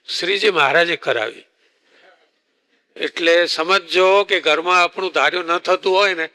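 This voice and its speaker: A swami tells a devotional tale, slipping into each character's lines. His voice is bright and forceful and sits a little high. A long hall reverb trails after every phrase. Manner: animated storyteller acting out dialogue. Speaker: swami preacher. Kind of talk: sermon storytelling. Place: temple hall.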